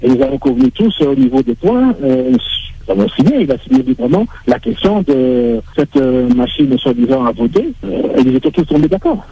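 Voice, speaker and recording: A man, an opposition politician, giving a halting political statement with many hesitations. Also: sits high, big pitch swings, vocal fry. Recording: dull lo-fi recording with faint hiss.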